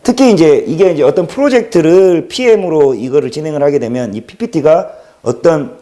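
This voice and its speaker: A man hosting a casual livestream monologue, talking with a Jeolla accent in an animated, joking way and swinging between loud and quiet. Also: a little high, a little fast. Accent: Jeolla Korean. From Jeolla region, South Korea. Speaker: livestream host.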